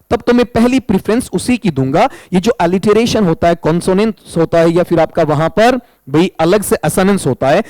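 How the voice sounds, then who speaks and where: A male exam-prep teacher walks students through answers, addressing them as "beta" and breaking words into single sounds spelled out one by one. His tone stays patient and explanatory. His high, darkish voice is recorded close to the mic in a dry, dead room with no room sound, and the audio quality is poor.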